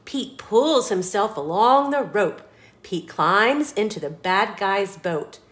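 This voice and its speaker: Here a woman reads aloud from a children's picture book in the role of storytime host. She is dramatic and expressive, asks the young listeners questions, and keeps a medium pitch at a slow pace.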